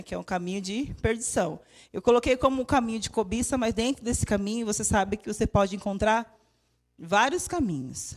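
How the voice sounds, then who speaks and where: Lively Brazilian woman preaching. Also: medium pitch. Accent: Brazilian Portuguese. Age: young adult. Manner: lively and emotional, with laughter and mimicked voices. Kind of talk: sermon. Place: church.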